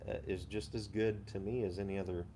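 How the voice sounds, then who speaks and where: A man hosting a casual live chat, explaining things in an unhurried, detailed way. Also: deep voice, fairly even intonation, warm tone, slight background noise. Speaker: host of a pipe-smoking live chat.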